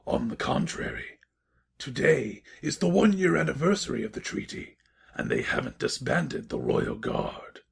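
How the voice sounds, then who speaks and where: A man voicing a seductive, menacing dark unicorn tyrant king in a fan audio drama, with a gravelly, breathy rasp and a smug manner. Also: mid-range voice, wildly swooping pitch, normal speed, full character voice.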